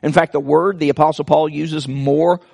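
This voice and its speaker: A man preaching a sermon as a pastor, speaking slowly and deliberately with earnest pauses and soft drops in prayer. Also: on the high side, fairly even intonation, vocal fry, slightly rough.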